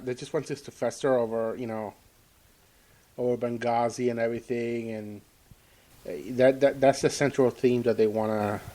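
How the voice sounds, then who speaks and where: Male podcast host, off-the-cuff political rant, rambling and indignant, mid-range voice, hissy recording. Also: medium pitch. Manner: rambling, indignant, heavy fillers and restarts.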